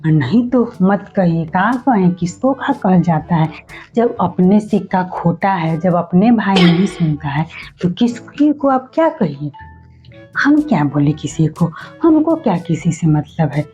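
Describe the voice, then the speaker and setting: A young woman performs a comic sketch monologue as a sister-in-law. Her manner is animated and gossipy, sweetly fussing one moment and scornful the next. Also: on the low side, measured pace. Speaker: comedy sketch creator. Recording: slightly dull lo-fi recording, faint background music.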